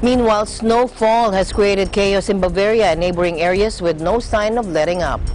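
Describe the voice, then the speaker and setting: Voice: medium pitch, moderate pace, darkish tone, soft background music, low-quality recording. A news anchor delivering scripted international news narration.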